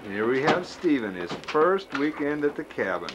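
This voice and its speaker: A woman filming her family on a home video, chatting and gently teasing as she introduces everyone to the camera, heard on old camcorder audio. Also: low voice, very animated, normal speed, background noise. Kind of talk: casual home-video narration behind the camera.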